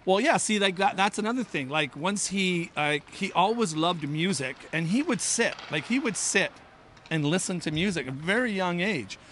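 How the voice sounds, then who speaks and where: A middle-aged man talks in a loose, rambling way, leaning on "you know" and starting over often. His voice sits a little high for a man. Faint outdoor traffic hums under the recording. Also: lively intonation, moderate pace, fairly bright tone. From first-generation Irish family. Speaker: interview guest, player's father. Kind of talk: casual interview chat.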